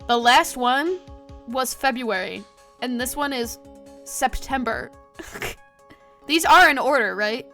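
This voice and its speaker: Woman game streamer, higher voice, casual sweary commentary, faint music behind. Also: expressive, slow pace, long pauses, sharp tone. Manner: frequent swearing.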